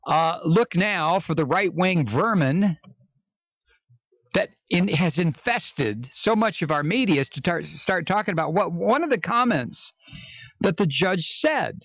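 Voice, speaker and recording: A man's voice: high-pitched, expressive, a little slow, no echo, muffled recording. An American man on an impassioned, sarcastic political rant, speaking as a commentator with exasperated, mocking emphasis.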